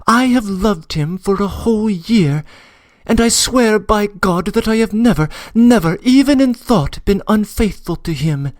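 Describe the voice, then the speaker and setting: A man with a high-sitting, expressive voice reads a little slowly in a dry recording of a classic-novel audiobook. Voicing a passionate young woman, he delivers a trembling, breathless, earnest confession as she pleads close to tears.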